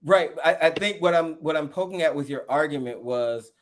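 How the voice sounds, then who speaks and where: A man's voice: a little high, moderate pace. A man co-hosting a podcast, pushing back with questions and restarting his sentences. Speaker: podcast co-host. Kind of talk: casual debate.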